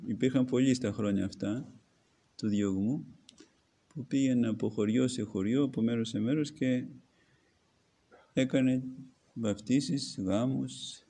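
This Orthodox archimandrite has a mellow, medium-pitched voice. He reads from a book as a homily, now and then pausing the narrative to offer his own remarks.

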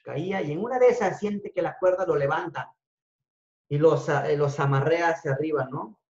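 A man giving a motivational talk to an audience, telling a story in an animated way that swings between loud and hushed. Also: fairly high pitch, moderate pace. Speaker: speaker at a business talk. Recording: echoey room, dull lo-fi sound.

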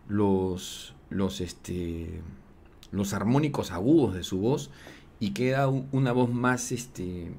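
A man's voice: lowish voice, darkish tone, a little hiss or hum. A man, hosting a sports talk show, explaining things in a loose, slangy way full of fillers. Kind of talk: casual analysis chat.

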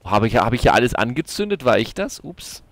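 A man's voice: mid-range voice, very animated, a little fast, no echo. A man commentating his own video game play, chatting to himself and his viewers with frequent exclamations and curses. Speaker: gaming YouTuber.

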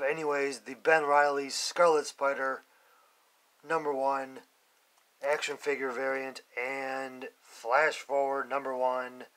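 Filming overhead with his phone at a table indoors, this young comic-collecting vlogger casually talks through an unboxing. His voice is fairly high and fairly bright, with a little hiss or hum in the recording, and he names each issue plainly while swearing bluntly when irritated.

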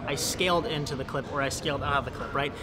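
Fast-talking young man vlogging in a gym. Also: mid-range voice, steady tone, very noisy. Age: young adult. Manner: chatty, explains step by step. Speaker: fitness video creator. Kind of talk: casual how-to vlog. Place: large indoor gym. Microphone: camera close up and on tripod.

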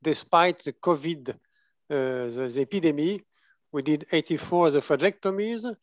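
A French-accented man presents as a surgeon, pausing and correcting himself as he searches for English words. His voice sits somewhat high and sounds dry and close. The video call audio is dull and lo-fi. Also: no echo. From France. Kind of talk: conference presentation.

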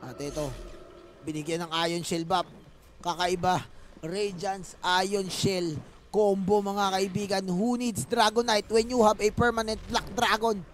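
A young man with a Filipino accent giving excited, joking live game commentary, mixing in English phrases. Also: high-pitched, a little slow, a little hiss or hum. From Philippines. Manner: joking, playful, mixes English phrases, bursts into excited yells. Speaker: esports commentator.

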